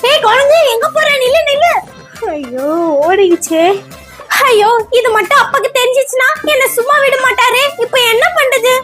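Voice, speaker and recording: A woman's voice: extremely high pitch, expressive, normal speed. A woman voicing a mischievous, lazy young girl who whines and schemes, with music behind. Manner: whiny, scheming, childish. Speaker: daughter Monika. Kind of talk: comedy skit dialogue.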